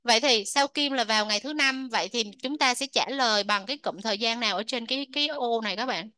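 A woman English teacher explaining a textbook lesson, asking her students questions and drilling pronunciation slowly. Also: a little high, sharp tone, smooth, no room sound.

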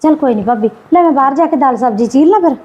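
A woman's voice: high-pitched, animated, rapid-fire, darkish tone. A woman playing a patient mother who pleads and placates while defending her son. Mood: pleading. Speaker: visiting daughter and mother.

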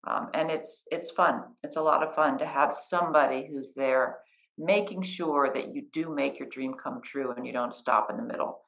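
Her voice is a gravelly bass, a touch bright and moderately paced, as this middle-aged editor and writing coach explains her work step by step with patient practicality. She sits on a living-room couch beside a guest for a conversational interview, recorded in low quality.

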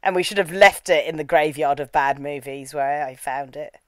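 A woman co-hosting a movie review, talking in a sarcastic, animated way and mimicking characters. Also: deep voice, normal speed, no room sound. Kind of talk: casual chat.

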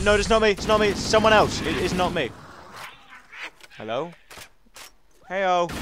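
Excitable young man gaming. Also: a little high, background noise. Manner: chattering, repeats words in rapid bursts, yelps and laughs. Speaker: gaming channel host. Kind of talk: excitable let's-play commentary. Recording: game music underneath.

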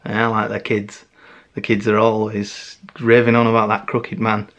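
A man's voice: fairly low pitch, monotone, normal speed, a bit bright, lo-fi sound. A man chatting casually on his art vlog, rambling and correcting himself as he goes, with frequent laughs. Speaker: art vlogger.

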